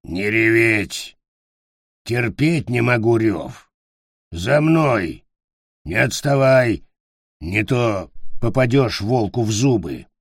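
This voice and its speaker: A man voicing a gruff, dim male forest dwarf who speaks slowly and haltingly, in broken phrases, as if words were foreign to him. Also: fairly low pitch, expressive, no echo, studio quality, heavily acted. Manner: slow halting broken speech.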